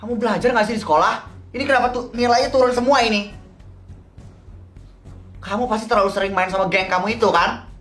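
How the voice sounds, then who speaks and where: A man playing a harsh middle-aged father who scolds his son and shouts at him. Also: fairly high pitch, quick pace, faint music behind. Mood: scolding.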